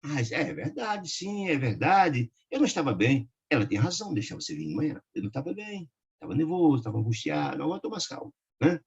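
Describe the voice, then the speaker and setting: A man voicing a sick, remorseful old grandfather who speaks slowly, tenderly and wearily. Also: on the high side, big pitch swings, vocal fry, slightly rough, muffled recording, heavily acted. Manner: slow, tender, weary speech.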